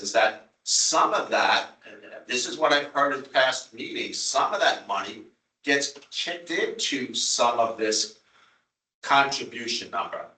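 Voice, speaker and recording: At a public transit board meeting, a town representative with a Long Island accent argues over budget figures, insistent and repetitive, apologetic yet still pressing. His medium-pitched voice has a sharp tone and is picked up from a distance in an echoey meeting room.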